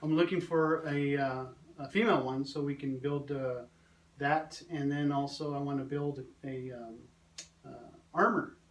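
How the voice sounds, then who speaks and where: An interviewer hosting a festival interview, talking in a relaxed, rambling way with many fillers. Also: medium pitch, measured pace. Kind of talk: casual interview. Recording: roomy with faint background noise.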